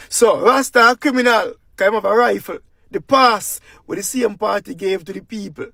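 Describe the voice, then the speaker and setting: A man's voice: high voice, gravelly, fairly bright tone, no room sound, studio quality. A man with a Jamaican accent delivering an impassioned political commentary rant in heavy patois, full of rhetorical questions.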